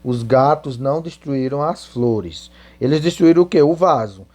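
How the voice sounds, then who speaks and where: A man's voice: mid-range voice, normal speed, darkish tone. A man teaching English in Portuguese, spelling out English answers word by word and then translating them. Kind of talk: slow classroom explanation.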